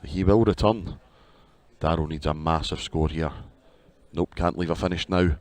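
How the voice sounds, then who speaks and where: A man's voice: sits low, moderate pace, a little mellow, dry recording. A man giving live darts commentary into a headset, chatty and wry between the action. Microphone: headset at commentary position.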